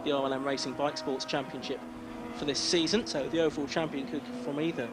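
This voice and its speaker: A man's voice: on the high side, steady tone, quick pace. A man working as a motorsport commentator, calling a race live with descriptive play-by-play. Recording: noisy trackside outdoor sound, engines behind.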